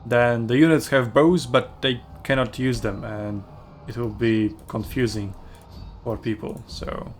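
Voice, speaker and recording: A man hosts a gaming video in a casual, rambling commentary voice. He talks at a mid pitch, chatty and full of fillers. He often stops to correct himself. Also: steady tone, unhurried, slight background noise.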